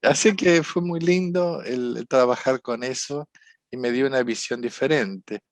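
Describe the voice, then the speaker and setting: A middle-aged man speaks as a guest in a reflective, conversational interview, his voice mid-range and a little slow with no room sound. He comes across as thoughtful and rambling, often closing phrases with a questioning "¿no?" tag.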